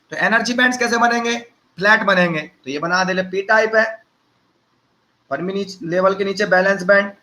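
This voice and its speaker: A man with a high, bright voice leads a physics lecture, joking with his students and calling them son and brother. He talks casually, firing off questions and answering them himself. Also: low-quality recording. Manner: teasing, conversational, addresses students as beta and bhaiya. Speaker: teacher.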